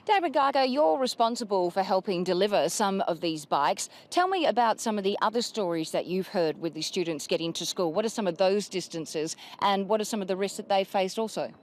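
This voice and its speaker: A woman's voice: mid-range voice, lively intonation, brisk, hardly any pauses, darkish tone. Woman news presenter asking questions. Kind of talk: news interview.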